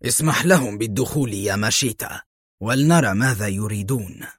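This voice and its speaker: A cornered crime boss posing as an honest businessman, voiced by a male narrator, blustering to cover his fear. The voice is husky and dry, hovering at a middling pitch in this audiobook tale. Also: fairly quick, a bit bright, dry recording. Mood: troubled. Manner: blustering yet shaken. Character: nervous businessman secretly leading a crime ring.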